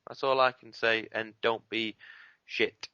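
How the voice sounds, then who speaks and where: A bright, forward man chats about writing his abridged series, quick and self-deprecating. The audio is dull and lo-fi, and dry with no room around it. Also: lowish voice, level tone, smooth, dry recording. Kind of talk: casual interview chat.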